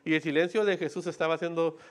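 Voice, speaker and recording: A pastor delivers a sermon in a loose, conversational way. His voice sits fairly high for a man. He keeps checking in with the listeners and slips into short acted-out quotes as he goes. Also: steady tone, quick pace. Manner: conversational, asks "¿no?" and "¿sí?" often; acts out quoted voices in asides.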